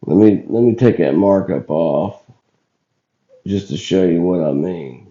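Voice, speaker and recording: With a low-pitched, dark voice made rough, scratchy and hoarse by an illness he's recovering from, a channel host casually comments on footage. He speaks haltingly in a folksy, colloquial way, captured on a dull lo-fi recording.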